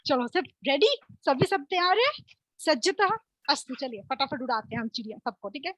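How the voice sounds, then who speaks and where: A woman teaching an online class through a playful word game, encouraging her pupils and drilling words slowly and clearly. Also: high voice, very animated, a bit bright, no echo. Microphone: video call.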